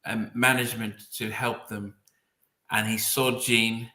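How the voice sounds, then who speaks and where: A man hosting a podcast, calmly recounting what others told him in casual chat. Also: lowish voice, measured pace, roomy sound. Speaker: podcast host.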